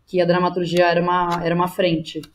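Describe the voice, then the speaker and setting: A playwright and theatre educator with a São Paulo Brazilian accent guests on a casual podcast interview, speaking fast, slangy and informal in a lowish, completely flat voice. She thinks aloud and often checks in with the listener, with crowd noise behind her.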